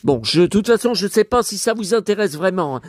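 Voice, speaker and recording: A hoarse man talking to his viewers at home, showing off his finds as a collector. He rambles, grumbles, swears often and keeps addressing the audience. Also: sits high, lively intonation, fairly quick, no echo, clean studio sound. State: hoarse, voice worn out. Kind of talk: rambling vlog talk to viewers.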